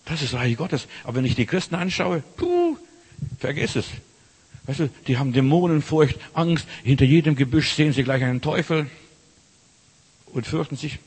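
Husky preaching man in a reverberant hall. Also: a little high, very animated, normal speed, a little mellow. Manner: addresses listener as du, emphatic preaching. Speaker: pastor. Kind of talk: informal sermon.

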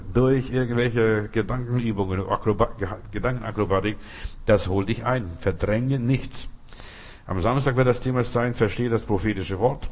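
A male pastor delivering a sermon in a mid-pitched voice. He drives his points home with repeated short phrases and talks directly to his listeners. He slows down deliberately on the lines he wants to land. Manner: preaching with repetitive emphatic phrasing, addressing listeners as du.

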